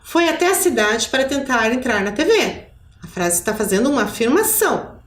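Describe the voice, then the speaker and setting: A Brazilian woman from Curitiba teaching a children's video lesson, her fairly high voice swinging up and down in a lively, animated way. She talks patiently and didactically to the pupil and uses fond little diminutives. The room is echoey, with a faint hum of noise behind her. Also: brisk. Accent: Brazilian Portuguese, Curitiba. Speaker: primary school teacher.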